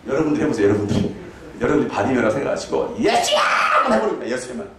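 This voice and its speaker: A male pastor preaching a sermon, shouting out dramatic reenactments and urging the congregation to join in. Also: mid-range voice, very fast, very echoey, distant mic, slight background noise.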